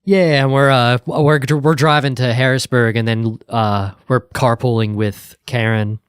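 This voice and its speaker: A man's voice: mid-range voice, steady tone, unhurried, clear, resonant tone, no room sound, studio quality. An American man in casual podcast chat, talking in a loose, rambling, slangy way. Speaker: podcast co-host and stand-up comedian.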